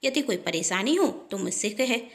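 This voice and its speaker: A woman's voice: fairly high pitch, lively intonation, normal speed. A woman voicing a scheming elder sister-in-law who gossips in a coaxing, falsely sweet tone.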